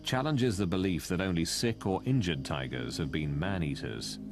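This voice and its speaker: A man narrates a nature documentary in a low voice. His scripted delivery is dramatic and measured, with lively movement in pitch over a music bed.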